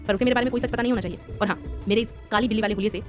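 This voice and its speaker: A sharp, curt young woman in a story who snaps out demands, as a woman narrator reads her. The lines are delivered very quickly over soft music. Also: mid-range voice, fairly even intonation, close to an everyday voice. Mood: cold. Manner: curt, commanding.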